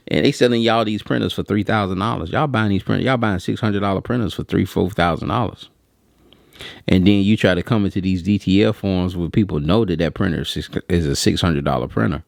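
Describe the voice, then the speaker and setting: An American man with a fairly low voice and some vocal fry reviews print equipment as a video host, speaking bluntly and casually and repeating phrases to make his points. The audio is studio quality, without echo.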